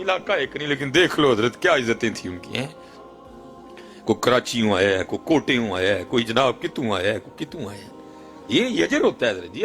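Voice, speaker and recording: A man in his thirties with a Punjabi accent, preaching an emotional sermon and telling stories, with loud outbursts and hushed lines in turn. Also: medium pitch.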